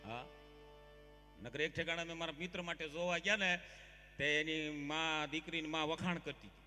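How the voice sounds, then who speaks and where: Folk stage comic, high lively voice, long hall reverb. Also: male voice, moderate pace, soft background music. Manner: lively, addresses audience directly. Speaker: folk comedian.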